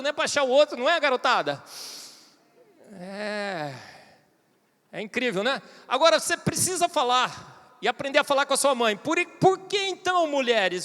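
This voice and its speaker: A man with a Brazilian Portuguese accent delivers an irreverent, joking conference talk and keeps turning to the crowd. His voice sits high for a man and swings widely in pitch. A long reverb trails behind him in a big church hall. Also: fairly bright tone. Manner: joking, irreverent, addresses the audience directly. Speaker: conference speaker.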